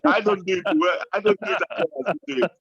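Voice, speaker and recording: A man in his late forties, co-hosting a casual chat in an animated way, turning from loud excitement to low musing. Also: racing. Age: 40s. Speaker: podcast co-host. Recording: dull lo-fi sound.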